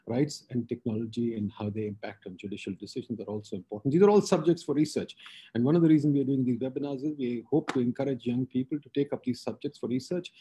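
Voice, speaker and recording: Husky Pakistani man presenting. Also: mid-range voice, mellow, rough recording. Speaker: webinar host. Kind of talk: informal presentation with slides.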